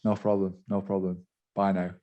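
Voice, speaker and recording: Deep-voiced male host over a video call. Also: flat delivery, normal speed, lo-fi sound, heavy background noise. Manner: loose, filler-heavy talk. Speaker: online event host. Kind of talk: casual live-stream hosting.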